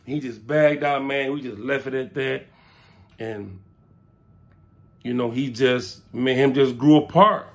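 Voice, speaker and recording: An interviewee recounts his past in a relaxed, conversational way, his mid-range male voice unhurried and broken by frequent pauses. He tells the story with animation, acting out the lines people said and tossing "man" into his sentences as filler.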